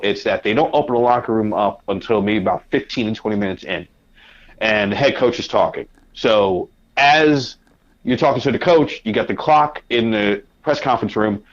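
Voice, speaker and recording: Animated New man telling stories. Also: lowish voice, fairly quick, muffled recording. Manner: animated anecdotes, acts out his own past reactions. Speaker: podcast guest, sports writer. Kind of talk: conversational storytelling.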